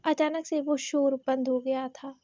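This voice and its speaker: A woman narrates a tense story with a very high voice, leaning on repeated phrases for drama. The recording is close and dry, with no room sound. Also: flat delivery, measured pace, dark tone, no echo. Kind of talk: dramatic fan fiction narration.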